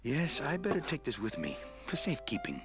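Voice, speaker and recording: An actor playing a suave, world-weary nightclub boss and video game hero, full of wry, dry asides. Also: male voice, a little high, wildly swooping pitch, a little fast. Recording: game music behind the voice.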